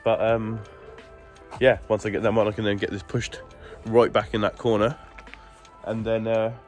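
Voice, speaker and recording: A congested, stuffy-nosed DIY vlogger records a casual building update outdoors on his phone camera, chatting through his garden build one step at a time. His lowish voice has a level, darkish tone and a moderate pace, with soft background music.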